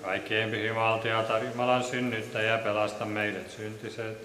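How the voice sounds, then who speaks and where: A man reading liturgical prayers in a steady, monotone recitation in a large church. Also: lowish voice, a little hiss or hum. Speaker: liturgical reader. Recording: echoey church with long reverb.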